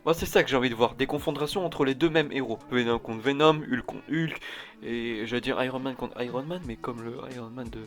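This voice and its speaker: A male vlogger chatting casually to his viewers, his thoughts tumbling out in loose, self-correcting sentences. His voice sits at a middling pitch, with faint music playing underneath. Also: brisk. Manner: rambling, with frequent restarts and asides. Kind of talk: casual chat.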